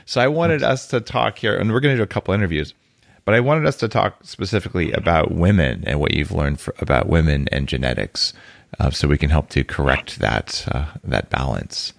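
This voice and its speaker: A man hosting a podcast interview, chatting casually in an animated, joking, self-deprecating way. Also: low-pitched, fairly quick, gravelly, no room sound, clean studio sound. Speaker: podcast host.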